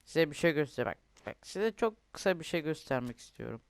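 A young man with a high, smooth voice commentates his football video game, ranting, complaining and swearing as it goes. The sound is dry and close, with no room around it. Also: sing-song, fairly quick, dry recording. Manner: frustrated, swears often, rants and complains. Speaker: gaming youtuber.

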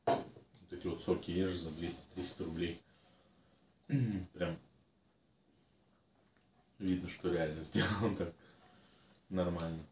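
A deep-voiced man chats casually over food, chewing as he talks. His tone is dark and relaxed, his phrasing halting. He is recorded in an echoey room. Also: far from the mic. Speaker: co-eater answering questions. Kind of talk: casual chat while eating. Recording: roomy echo, some background noise.

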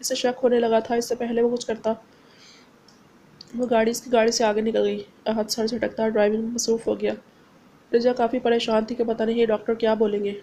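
A woman narrating a romance novel aloud at an even, steady pace. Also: fairly high pitch, a little fast, a little hiss or hum. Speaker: audiobook narrator. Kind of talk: novel reading.

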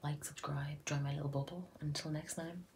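Here the Irish YouTuber's voice is low, brisk and a little mellow, with fairly even intonation and a faint hiss or hum behind it. She's a young woman at home, chatting playfully through a reaction video and dropping whispered asides.

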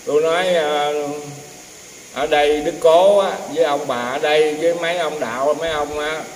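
Speaking at a moderate pace with a fairly high pitch and steady tone, an elderly temple herbal healer spins loose, homespun stories and imitates the dialogue of others. The audio sounds distant and echoey, with a roomy quality and faint background noise.

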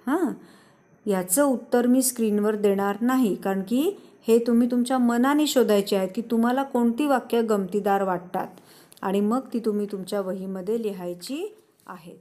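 A woman teacher, patiently explaining a lesson to children and repeating instructions slowly. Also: fairly high pitch, warm tone. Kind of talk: online class lesson for children.

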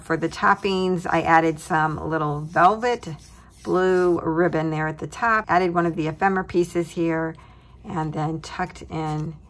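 A woman with a somewhat low voice talks slowly through a paper-craft project. She sounds cheerful and chuckles at her own remarks as she shows pieces at her tabletop desk. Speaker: craft tutorial host. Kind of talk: relaxed crafting walkthrough.

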